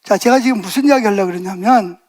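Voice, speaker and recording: A man's voice: sits high, fast talker, darkish tone. A man in his sixties, a pastor preaching a sermon, telling stories and asking the congregation rhetorical questions, building to emphatic bursts.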